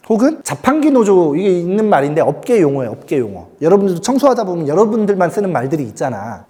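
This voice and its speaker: A middle-aged man giving a lively lecture to new union members, acting out quoted voices and dialect lines. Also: sits high. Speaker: union educator.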